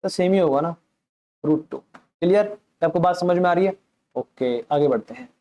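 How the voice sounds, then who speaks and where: A man's voice: on the high side, normal speed, dark tone. A man teaching a maths lesson, patiently asking questions aloud and answering them himself, politely addressing his listeners throughout. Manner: patient, repeats key points. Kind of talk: explanatory classroom lesson.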